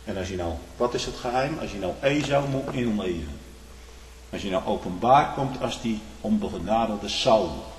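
A low-voiced male pastor preaches emphatically, his pitch rising and falling a great deal. He swings between loud declarations and hushed asides, tagging lines with a questioning "hm?". The voice rings out in a large church with a long echo. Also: animated, normal speed, a little hiss or hum. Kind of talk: sermon. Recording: echoey church hall.

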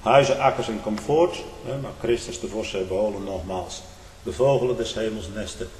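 A man preaching a fiery sermon, swinging from loud outbursts to hushed low tones and often adding a questioning "hm?". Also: normal speed, slight background noise. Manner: fervent, often adds a questioning "hm?". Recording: echoey hall with long reverb.

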